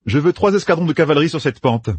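A man voicing a brash, scheming young leader in a storybook reading, talking high and loud in quick bursts of orders. His voice sits well above his own natural register and keeps a slightly husky edge in a dry, close recording. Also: lively intonation, no room sound. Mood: commanding. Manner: bossy, emphatic, rapid-fire planning.

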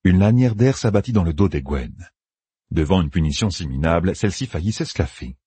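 A man reading a fantasy novel aloud as audiobook narrator, expressive and voicing each character. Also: low-pitched, a little fast, slightly rough, dry recording.

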